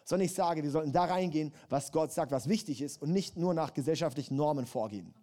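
Passionate preacher, mellow voice. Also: male voice, on the high side, fast talker. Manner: passionate, rising to emphatic calls with repeated phrases. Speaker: pastor. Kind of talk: sermon.

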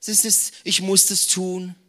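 A man's voice: high-pitched, flat delivery, slow pace, bright, forceful tone, voice pushed up, exaggerated voice. A man voicing a smug churchgoer who piously waves off his own troubles, in a raised, self-satisfied tone. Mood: smugly pious.

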